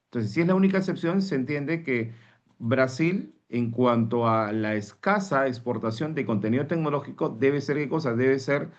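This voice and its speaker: A man from Peru teaches reading online, walking through a text step by step. He keeps asking rhetorical questions and tagging his sentences with "¿no?". The sound is a little dull and lo-fi, and his pitch sits in the middle. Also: lively intonation, normal speed. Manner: explains step by step, asks himself rhetorical questions; tags lines with "¿no?" and "mis estimados". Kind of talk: online reading comprehension class.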